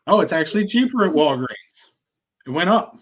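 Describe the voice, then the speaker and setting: A man demonstrating insurance quoting software on a screen share, talking in an energetic, salesy way with quick asides. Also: high-pitched. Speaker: insurance agent trainer.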